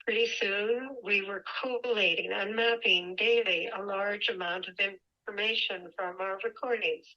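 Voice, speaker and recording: A woman presenting remotely, reading a prepared talk in a measured, steady way, her call audio breaking up and dropping out. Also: medium pitch. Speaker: whale researcher presenting remotely. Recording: dull, lo-fi remote call line.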